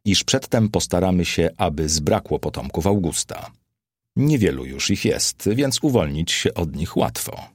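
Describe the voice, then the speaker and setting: A man's voice: deep voice, lively intonation, measured pace, slightly rough, dry recording, studio quality, full character voice. A man voicing a capricious, vain Roman emperor who declaims theatrically. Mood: resolved.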